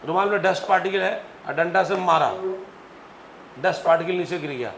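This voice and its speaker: A man teaching physics in a lively classroom lecture, calling on students to answer aloud and acting out stories. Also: sits high, brisk, gravelly. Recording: echoey classroom with faint noise.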